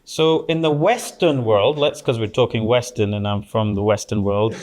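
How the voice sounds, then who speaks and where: A man's voice: on the low side, normal speed, a little mellow. A man from Scotland, a guest speaker talking emphatically to an audience and tossing in rhetorical questions. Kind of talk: lecture with audience Q&A. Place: lecture hall.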